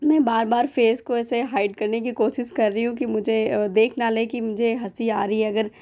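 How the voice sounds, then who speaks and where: A woman's voice: on the high side, fairly even intonation, moderate pace, warm tone. An Indian woman vlogger giving a casual, chatty voice-over about a prank she played on her husband. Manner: chatty, giggly, addresses viewers.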